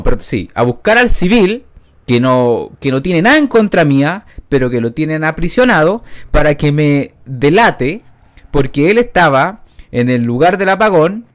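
A man, giving rambling, self-mocking gameplay commentary into a studio microphone. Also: fairly high pitch. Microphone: new studio microphone.

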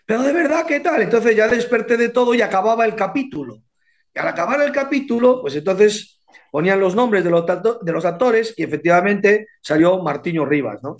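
A man's voice: high voice, brisk. A man, a boxing coach, telling anecdotes in a casual interview and acting out the quotes, often repeating his words as he goes. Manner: animated storyteller, repeats words, acts out quotes.

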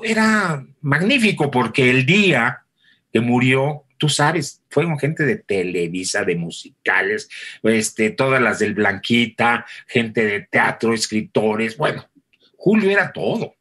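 A man, a theatre actor, telling anecdotes in relaxed conversation and acting out the people he quotes. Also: lowish voice, breathy edge. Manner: animated storyteller acting out quoted voices. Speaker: theatre actor, interview guest.

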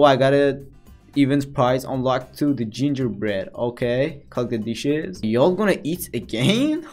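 A man's voice: mid-range voice, a little mellow. A man giving casual, playful commentary as he plays a game, talking to the characters on screen. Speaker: gaming commentator. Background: background music.

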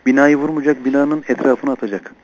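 Guy barking quick clipped orders over a walkie-talkie, muffled lo-fi radio sound. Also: mid-range voice, steady tone, a little mellow, a little hiss or hum. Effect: heard over a two-way radio. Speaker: military officer passing orders. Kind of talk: clipped military radio talk.

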